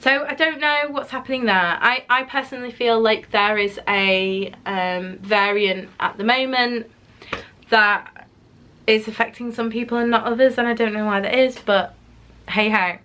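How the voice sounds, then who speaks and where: Speaking from her home office at a normal pace, this woman has a fairly high, steady, smooth voice with a sharp edge. She's rambling casually through her weekly weigh-in vlog, slightly nasal from recovering from illness, with plenty of ums and false starts.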